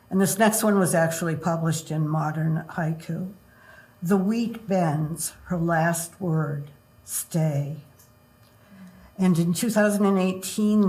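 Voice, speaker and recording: An older woman in her seventies reading poems at an open mic, with halting, measured introductions and delivery. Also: fairly low pitch, darkish tone, rough recording. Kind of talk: poetry reading with short introductions. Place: indoor room at a live open mic event. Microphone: gooseneck podium microphone.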